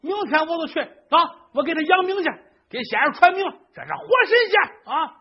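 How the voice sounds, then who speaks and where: A man voicing a stubborn, blustering old man with a husky, raised voice in a comic storytelling act. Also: extremely high pitch, fairly quick, pitched above the performer's own voice. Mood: overjoyed. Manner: blustering and indignant. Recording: dull lo-fi recording.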